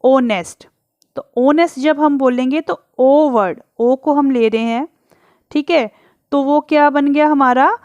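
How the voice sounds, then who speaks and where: A woman's voice: sits high, steady tone, a little slow, a little mellow, dry recording, lo-fi sound. A woman teacher patiently explaining English grammar in Hindi, asking the class questions and answering them, drawing out letters and examples.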